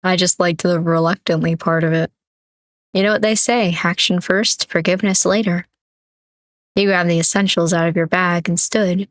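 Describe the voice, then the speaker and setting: A young woman streamer reads a story game aloud, relaxed, with casual asides and small slips. Her voice sits on the low side, and the recording is close and dry. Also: moderate pace, no echo. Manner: relaxed, with asides and self-corrections. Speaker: streamer reading a visual novel.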